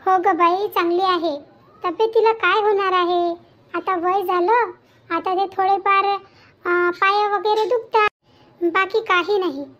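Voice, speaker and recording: A woman's voice: extremely high pitch, fairly even intonation, measured pace, fairly bright tone. Woman voicing a soothing old cartoon mother. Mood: comforting. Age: older. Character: aging widowed mother, gentle and comforting. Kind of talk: Marathi cartoon voice acting. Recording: dull lo-fi with faint background music.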